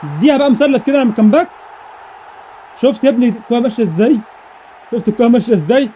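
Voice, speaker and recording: A young man with an Egyptian Arabic accent giving excited live commentary over his own football video game matches, rattling off repeated exclamations. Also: extremely high pitch, racing, slight background noise. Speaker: gaming YouTuber.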